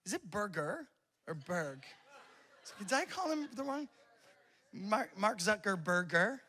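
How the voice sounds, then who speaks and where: Preaching slowly on a church campus, a pastor in his thirties uses a strikingly high, bright voice with a sharp, forward edge and big pitch swings. His delivery is loose and conversational, full of stories and frequent laughter.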